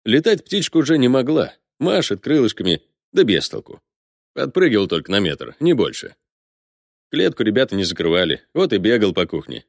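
A male audiobook narrator telling a tale in an easy, colloquial way. His low voice moves expressively up and down. The recording is close and dry. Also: very animated, normal speed, creaky, dry recording. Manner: colloquial storytelling.

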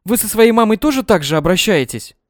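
A man voicing a loud, domineering middle-aged mother who scolds and plays up her drama. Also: sing-song, fairly quick, dry recording, clean studio sound. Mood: shrill scolding. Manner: shrill, scolding, melodramatic.

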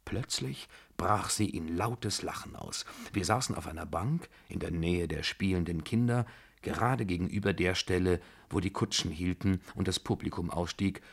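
A man narrating a literary audiobook in a measured, reflective way. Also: low-pitched, creaky, breathy edge.

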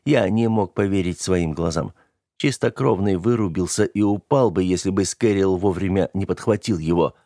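An audiobook narrator with a low voice reads a scripted first-person tale in a steady, measured way. The sound is dry and close, with no room around it and no echo.

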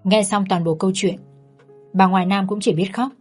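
A woman narrating a family drama story in a steady, heartfelt reading. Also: medium pitch, normal speed, slightly rough. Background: faint background music.

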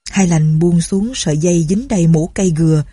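Husky low woman storyteller. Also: a little fast, no echo, studio quality. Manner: steady dramatic reading. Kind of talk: storybook narration.

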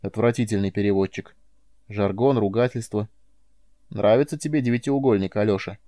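A calm alien mentor in a man's voice, patient and dry in his measured explanations, as the storyteller reads him. The tone is low and dark, and the recording is close with no room sound. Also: no room sound, close to an everyday voice.

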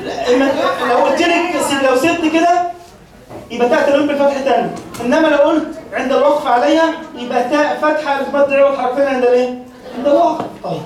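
A woman's voice: sits high, steady tone, very fast, a little mellow. A woman with an Egyptian accent teaching a Quran class. She keeps checking in with her students as she talks. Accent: Egyptian Arabic. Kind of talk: classroom lecture. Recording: very echoey hall, distant mic.

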